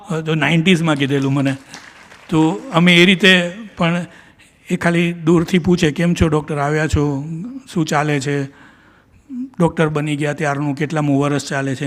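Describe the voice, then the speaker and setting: This middle-aged devotee from India shares personal memories with a devotional gathering as a spiritual testimony. He tells it earnestly, performing quoted dialogue and often starting sentences over, in a voice that is a little high.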